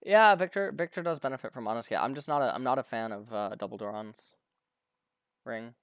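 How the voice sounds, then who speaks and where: Smooth-voiced man casually co-streaming a match. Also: mid-range voice, no room sound, clean studio sound. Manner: halting, repeats words, answers chat questions. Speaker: streamer commenting on a pro match. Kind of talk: casual live co-stream commentary.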